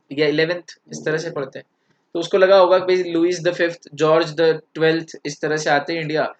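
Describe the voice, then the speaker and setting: A man teaching an English lesson, explaining points with stories and examples and switching between two languages. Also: fairly high pitch. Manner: storytelling with examples, mixing Hindi and English. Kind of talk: classroom lecture.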